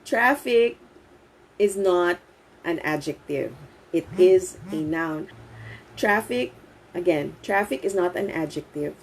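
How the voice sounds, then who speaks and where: A woman from the Philippines with a Filipino accent, giving a live online English lesson in a lively way, mixing in Tagalog and laughing often. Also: fairly low pitch, slow pace, long pauses, slight background noise. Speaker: English teacher.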